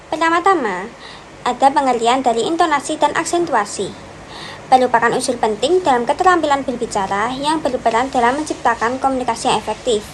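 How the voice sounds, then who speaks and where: This young woman presents to her class at a fairly quick pace, her voice sitting high as she moves steadily through numbered points. She keeps linking them with "dan yang kedua," and the poor recording has a faint noise in the background.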